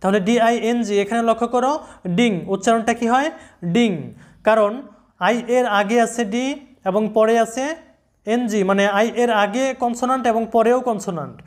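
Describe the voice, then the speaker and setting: A woman teaching English pronunciation in a video lesson, spelling words letter by letter and repeating each syllable slowly for her students. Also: on the high side, fairly even intonation.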